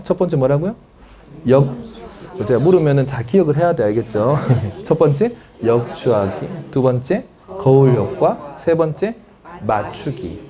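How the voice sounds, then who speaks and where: Animated man lecturing parents. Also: on the high side. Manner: lively, acts out family dialogues, often checks with the audience. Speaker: counselor giving a lecture on family psychology.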